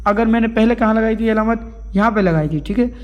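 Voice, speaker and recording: High-voiced teacher. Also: male voice, a little fast, highs cut off. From India. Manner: asks questions and answers them himself; explains while writing on a board. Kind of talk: exam-prep grammar lesson.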